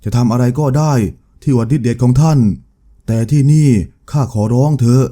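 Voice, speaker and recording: Man voicing a stern old grandmother, firm and proud, dark mellow voice. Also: medium pitch, steady tone, moderate pace, natural voice. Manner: firm, pleading yet unbowed.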